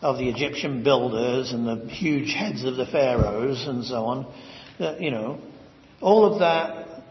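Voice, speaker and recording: A man preaching an expository sermon, slow and deliberate, building to rising emphatic stresses. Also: mid-range voice, slight background noise. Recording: dull lo-fi sound with long hall reverb.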